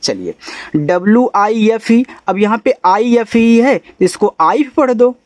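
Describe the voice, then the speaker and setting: A man, teaching English phonics, spelling letters out slowly and sounding words out in a chatty way. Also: high voice, big pitch swings, no room sound. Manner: calls the listener brother, chatty teaching. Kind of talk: phonics lesson for beginners.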